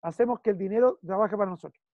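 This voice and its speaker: A man's voice: high-pitched, rapid-fire, no echo, narrow, tinny audio. A man with a Chilean accent coaching a client one-on-one, emphatic and repeating key phrases while he checks in. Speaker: business consultant.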